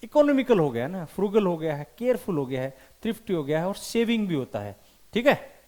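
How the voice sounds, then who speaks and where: A man teaching English vocabulary for competitive exams, animated and repeating key words slowly for emphasis. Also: sits high. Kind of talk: vocabulary lesson with memory tricks.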